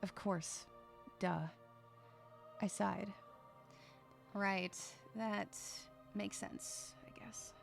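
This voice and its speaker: Playing a troubled, sarcastic, irritable young woman who keeps to herself, a female narrator delivers a first-person audio drama full of expressive sighs. She speaks in a mid-range voice at a measured pace, with vocal fry and faint music behind.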